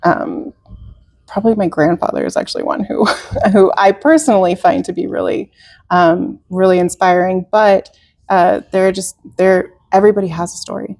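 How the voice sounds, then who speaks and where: A woman's voice: mid-range voice, fairly even intonation, normal speed, a little mellow, no room sound, clean studio sound. A middle-aged woman speaking earnestly in a conversational interview, with frequent fillers and restarts. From Czech heritage, raised in America. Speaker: museum representative.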